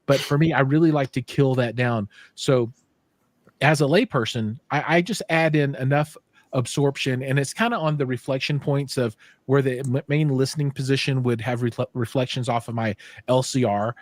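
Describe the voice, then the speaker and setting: A man's voice: medium pitch, fairly even intonation, normal speed, dry recording. A man in his fifties hosts a casual livestream chat. His speech is self-deprecating and stop-start, full of restarts. His voice sounds close and dry, with no room around it. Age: 50s. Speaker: show host.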